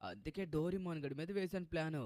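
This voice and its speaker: Defensive young guy, voiced by a man: higher voice, grumbling, drawn-out calls, dry sound. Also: a little mellow, no room sound, natural voice. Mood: playful.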